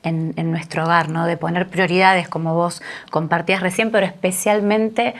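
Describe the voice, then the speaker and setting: A woman with an Argentine Spanish accent, interviewing her guest in a calm, affirming way. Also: lowish voice, normal speed, creaky.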